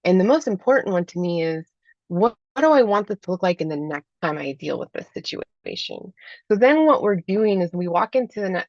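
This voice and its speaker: A woman's voice: on the low side, dry recording, muffled recording. A woman life coach talking as a podcast guest in a chatty way, often adding "like" and "right?". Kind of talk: podcast interview.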